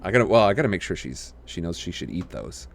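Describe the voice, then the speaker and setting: A man with a deep, lumberjack-like voice hosts a livestream in a casual, rambling, appreciative way, as someone who reads out submitted scripts. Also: very animated, fast, gravelly, slight background noise. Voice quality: deep, lumberjack-like voice, deeper than usual today. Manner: rambling, appreciative, often thanking. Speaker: host reading listener-submitted scripts on a livestream.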